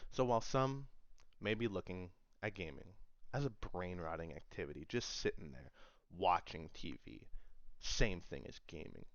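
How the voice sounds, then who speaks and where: In a low-pitched voice, a young man addresses an audience in an informal presentation, using a conversational, emphatic style and repeating phrases for emphasis. The recording is lo-fi with no room sound.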